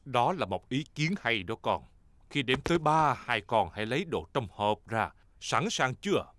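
A man's voice: mid-range voice, very animated, moderate pace, fairly bright tone, no echo, studio quality. An actor playing a jolly, good-natured father pig in a children's cartoon dub, jovial and playful. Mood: encouraging.

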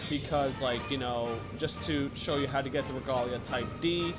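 A man's voice: mid-range voice, moderate pace, over loud music. A man giving rambling, casual gameplay commentary, apologetic and swearing a lot, with a cough. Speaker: gaming YouTuber.

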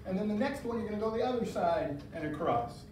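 Captured from a distance by a camera in a big, bare, very echoey indoor room, a man in his thirties runs an adaptive exercise class. His high, darkish voice is fast and expressive as he gives upbeat instructions step by step and encourages the group, with a little hiss or hum in the background.

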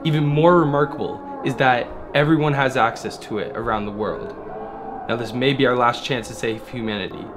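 A man's voice: mid-range voice, normal speed, background noise, close to an everyday voice. An actor playing a grave man broadcasting an urgent message to survivors in a comedic short film. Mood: solemn. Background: music.

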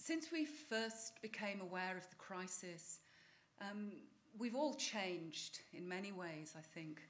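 A woman professor giving an academic lecture on stage, speaking in a measured, formal way. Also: medium pitch, lively intonation.

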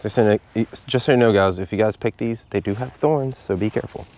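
A man's voice: lowish voice, quick pace. A man chatting casually to his viewers as guys while riding an e-bike outdoors on trails. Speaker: vlogger. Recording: loud wind and road noise outdoors. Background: wind and vehicle noise.

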